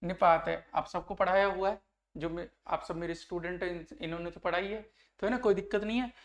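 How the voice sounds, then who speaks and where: A man with a high-pitched voice, a steady tone and a somewhat quick pace leads an online exam-prep grammar lesson. He checks understanding by asking his students questions and performs the example sentences to explain them.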